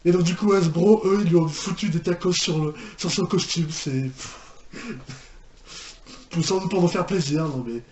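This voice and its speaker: Fairly high-pitched and darkish, his voice moves at a normal pace broken by long pauses as he reacts casually on camera. The reaction host keeps repeating himself, faltering and exclaiming incredulously, in an echoey space with faint noise.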